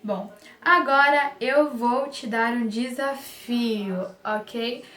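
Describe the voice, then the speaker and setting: Brazilian woman teaching, slow and echoey. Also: a little high, sharp tone. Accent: Brazilian Portuguese. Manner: patient, repeats example words slowly. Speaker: Spanish teacher. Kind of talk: online language lesson. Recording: echoey room, distant mic.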